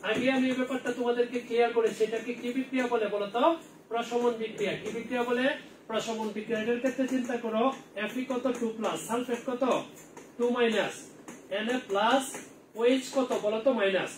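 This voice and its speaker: A man drills an exam-prep chemistry class in a high voice, rattling off questions and answering them himself. He is recorded from a distance in an echoey room with a faint hum of ambience behind him. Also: steady tone, fast talker. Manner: quizzing students and answering his own questions. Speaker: chemistry teacher.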